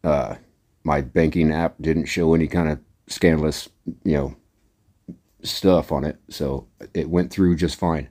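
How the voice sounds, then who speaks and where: A man's voice: very deep voice, steady tone, measured pace, mellow. A middle-aged man vlogging casually to his viewers, rambling in a plain-spoken way with lots of "uh"s and "anyways". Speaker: trucker vlogger. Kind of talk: casual monologue to camera.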